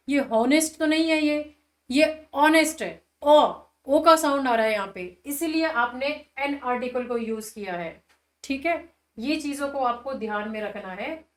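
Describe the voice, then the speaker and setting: High-voiced woman teaching grammar. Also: echoey room. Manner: explains patiently, asks the class questions and answers them; reads English example sentences slowly. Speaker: English teacher. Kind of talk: grammar lesson.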